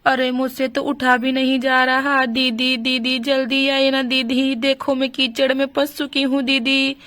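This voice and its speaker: A woman's voice: high voice, level tone, a little slow, fairly bright tone, soft background music. Woman voicing a worried pregnant village aunt. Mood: distressed. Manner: anxious, pleading. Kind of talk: doll story role-play.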